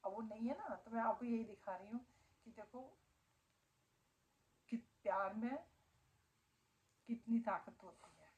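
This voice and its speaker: A woman's voice: on the high side, fairly even intonation, unhurried, long pauses, darkish tone, dull audio. A middle-aged woman vlogging casually at home, emotional and doting as she talks about her pet dog. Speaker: family vlogger. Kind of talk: casual home vlog talking to viewers. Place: at home indoors.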